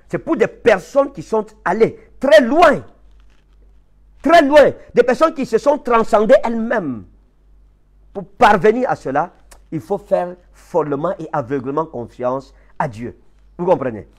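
A man with a Cameroonian French accent preaching a sermon, emphatic, swinging from high impassioned peaks to low quiet passages. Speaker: prophet preacher.

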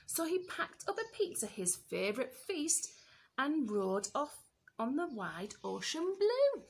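A woman teacher reads a picture book aloud to small children, expressive and pausing to ask them questions. Her voice is high and swoops up and down a great deal. She takes the story at an unhurried pace.

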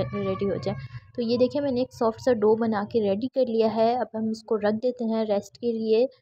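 A woman hosts a cooking channel tutorial, walking through every step in an easygoing, chatty way and mixing English words into her Hindi-Urdu. Her voice is on the high side and warm. The recording sounds muffled.

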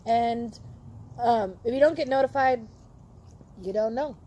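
A woman's voice: on the high side, a little slow, mellow, a little hiss or hum. A woman hosting a casual vlog outdoors, chatting and asking viewers to like and subscribe. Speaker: vlog host. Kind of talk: casual chat.

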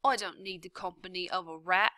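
Woman doing a gruff rough-spoken prisoner. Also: on the low side, steady tone, a little fast, dry recording, clean studio sound. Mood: scornful. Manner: rough, blunt, louder delivery.

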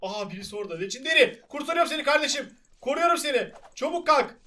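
High excitable young man gaming. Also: quick pace. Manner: excitable, shouting, laughing. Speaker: gaming channel host. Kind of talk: excited gameplay commentary.

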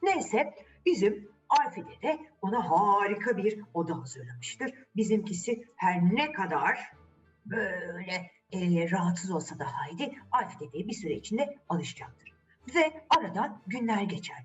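Hosting a children's fairy tale on her channel, a woman tells the story with a very animated, swooping delivery in a mid-range voice, never rushing. She talks straight to her young listeners and poses questions to them. The audio sounds a little distant and dull, with faint music in the background.

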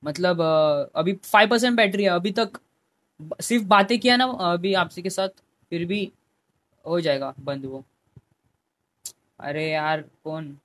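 High-voiced young man chatting on stream. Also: takes it slowly, pauses often, fairly bright tone. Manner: chatty, talks to chat viewers by name, pleading at times. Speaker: game streamer. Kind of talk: casual live-stream chat. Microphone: headphone mic.

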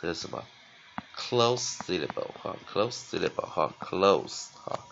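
A man's voice: low voice, expressive, vocal fry, fairly bright tone, highs cut off. A man teaching an English spelling and phonics lesson in Taiwanese-accented Mandarin, often dragging out syllables and ending phrases with "ha". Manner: drawn-out repeated syllables, frequent "ha" tag.

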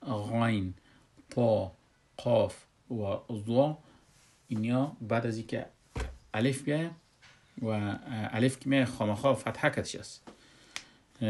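A man with an Afghan Dari accent teaching a tajweed lesson, explaining step by step with many fillers and slowly chanting example words. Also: mid-range voice. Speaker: Quran recitation teacher.

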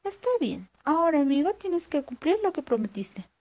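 A woman voicing a sly, scheming female fox in a children's storybook reading, speaking high and wheedling. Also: sing-song, moderate pace, darkish tone. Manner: high, sing-song, wheedling.

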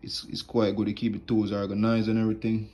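His delivery is completely flat and fast, his voice fairly low and warm. The young HVAC tech casually tours his tool bag indoors at home on a wooden floor, explaining each tool plainly with fillers as a phone held close films his hands.

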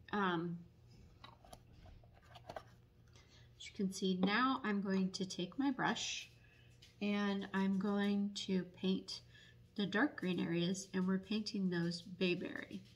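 A woman teaching barn quilt painting at a table in a casual, unhurried tutorial full of ums. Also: mid-range voice, a little hiss or hum. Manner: unhurried, many ums, explanatory. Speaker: painting instructor and paint retailer.

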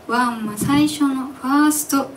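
A woman's voice: high voice, moderate pace. Giggly young woman chatting from a live-club stage. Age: 20s. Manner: chatty, giggly, animated storytelling. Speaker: singer-songwriter at her own live show. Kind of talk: casual stage MC chat with the audience. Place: live music venue stage. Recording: distant mic in a live club, faint background noise.

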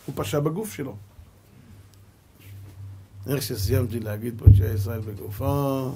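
A middle-aged man, giving a Torah lesson as a rabbi and telling stories dramatically, swinging from loud exclamations to quiet asides. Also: medium pitch, gravelly, slightly rough. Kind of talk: animated Torah lesson with storytelling.

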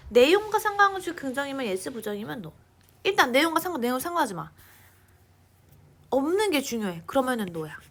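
A young woman teaches an English grammar lesson online, with a somewhat high, breathy voice. Her talk moves between chatty asides and slow, careful readings of example sentences. She often lets her voice sink to a near-whisper, and her pitch swings widely. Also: fairly bright tone. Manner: explains in chatty informal Korean, reads English examples slowly, drops to near-whispers.

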